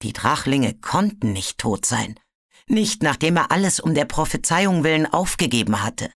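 An audiobook narrator reading a fantasy story in a steady storytelling manner. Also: mid-range voice, normal speed, no room sound, clean studio sound.

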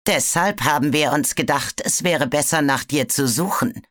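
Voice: mid-range voice, moderate pace, a bit bright, no echo, clean studio sound, lightly acted. A storybook narrator voicing a cold, sarcastic ice dragon who hisses its words. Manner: hissing, icy, sarcastic. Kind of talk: audiobook character voice.

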